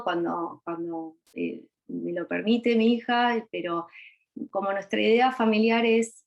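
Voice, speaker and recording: A woman's voice: medium pitch, rough recording. A woman in her thirties from Argentina with an Argentine Spanish accent, speaking as a panelist on a video call, shy and hesitant with many fillers. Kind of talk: virtual panel talk.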